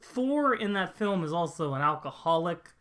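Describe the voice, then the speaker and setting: A man's voice: on the high side, animated, moderate pace, a bit bright. A young man co-hosting a podcast, talking casually and wryly with many fillers and restarts. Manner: hesitant, filler-heavy, wry. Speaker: podcast co-host. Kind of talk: casual chat.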